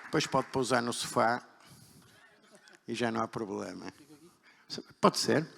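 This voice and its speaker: A man's voice: mid-range voice, measured pace, gravelly, a bit bright, some chatter behind. A man with a European Portuguese accent presenting live on stage as a panel host. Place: large hall stage before an audience. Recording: echoey hall PA, faint audience.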